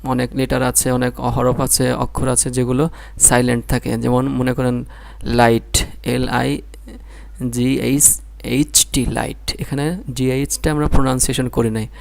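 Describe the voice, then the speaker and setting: Man, Bangladeshi Bengali accent, reading teacher, slow, mid pitch, syllable drills. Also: little pitch movement, vocal fry. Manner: drills syllables one by one, then explains patiently. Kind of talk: slow spelling-out lesson.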